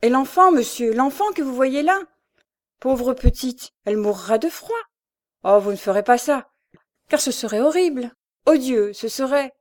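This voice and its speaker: A woman's voice: on the high side, normal speed, hardly any pauses, voice pushed up, close to an everyday voice. A woman voicing a frightened young mother in an audiobook, urgent and pleading. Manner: urgent, pleading, near shouting. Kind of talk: audiobook character voice.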